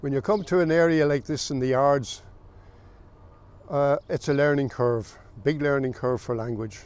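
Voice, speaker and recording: A man's voice: medium pitch, steady tone, a little mellow, clean tone. Older farmer telling his story. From south of Ireland, County Meath. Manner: plain, unhurried storytelling with filler pauses. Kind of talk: oral history recollection.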